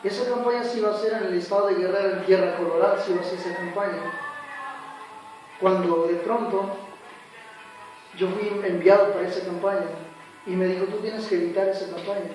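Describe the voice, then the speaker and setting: A man with a high-sitting voice gives an earnest, dramatic spoken testimony at church, acting out the voices in his story. His intonation stays fairly even as he speaks a little fast and pauses often. The recording is very echoey, far from the mic, with faint music.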